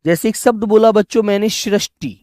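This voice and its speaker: This Hindi teacher's voice is fairly high and a little mellow, captured dry and close with no echo. Teaching an online language class, he calls his students "child," says each word slowly more than once, and keeps prodding them forward.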